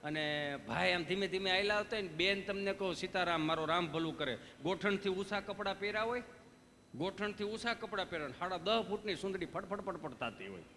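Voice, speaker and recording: High, bright Kathiawadi Gujarati man. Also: animated, brisk, big-room sound, slight background noise. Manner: folksy storytelling with preachy asides. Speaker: stand-up comedian. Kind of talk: live stage comedy monologue.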